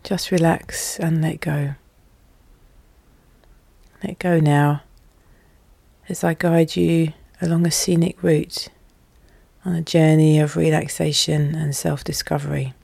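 A podcast host guiding relaxation in a calm, soothing, soft and hushed voice, with measured, deliberate phrasing. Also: medium pitch, vocal fry, slightly rough, dry recording. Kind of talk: slow, soothing guided hypnosis narration.

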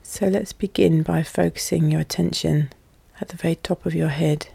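A podcast host guiding relaxation in a calm, soothing, soft and hushed voice, with measured, deliberate phrasing. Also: mid-range voice, creaky, slightly rough, no room sound. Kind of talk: slow, soothing guided hypnosis narration.

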